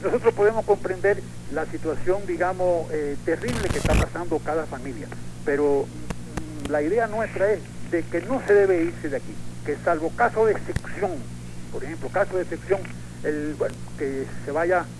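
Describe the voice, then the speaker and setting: An older Cuban man speaks with a Cuban Spanish accent, his voice a little high for a man. He talks haltingly, full of fillers and restarts, as a guest in a radio interview from inside Cuba. A steady hiss of noise sits under the line.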